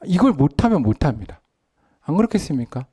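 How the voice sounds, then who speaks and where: Male pastor, sermon delivery, mellow dark tone, dry close sound, drops often into whispers. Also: on the high side, big pitch swings, brisk, breathy edge, no echo. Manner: swings from loud emphasis to hushed whispers.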